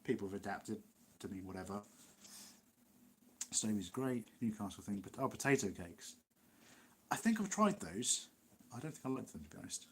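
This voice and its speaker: A man's voice: fairly low pitch, sing-song, moderate pace, long pauses, a little hiss or hum. A man with an East Midlands English accent, hosting a casual live Q&A, chatty and rambling, laughing often. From Nottinghamshire, England. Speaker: livestream host.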